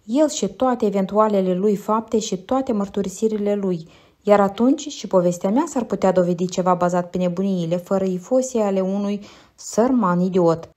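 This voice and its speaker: A woman narrating a literary audiobook, her voice mid-pitched and measured. She reads quietly and reflectively, in an even unhurried manner.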